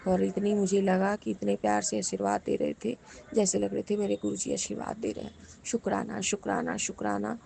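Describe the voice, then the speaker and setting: This woman speaks straight to the congregation in a brisk, flat delivery, her mid-range voice creaky and dark. Her devotional testimony keeps returning to fervent thanks for her guru.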